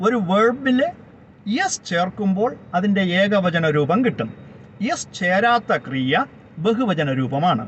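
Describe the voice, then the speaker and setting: A man teaching a slow, explanatory grammar lesson, spelling words out letter by letter and giving each translation. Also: sits high, fairly bright tone. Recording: slightly dull lo-fi recording with faint background noise.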